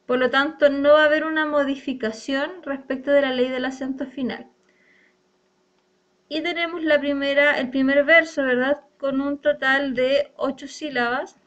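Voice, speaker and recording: A woman with a high, fairly bright voice teaches an online class on poetic meter, explaining the lesson step by step and often checking in with her students. The audio sounds dull.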